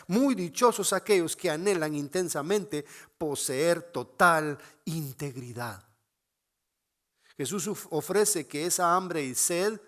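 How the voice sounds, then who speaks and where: A man's voice: fairly high pitch, a bit bright. A man preaching a sermon in an earnest, emphatic way, repeating phrases and restarting words as he explains. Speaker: pastor.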